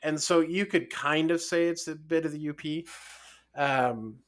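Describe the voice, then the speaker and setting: A man's voice: fairly high pitch, measured pace. A man co-hosting a podcast in casual chat, often repeating words as he explains. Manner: animated, repeats himself while explaining. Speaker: podcast co-host.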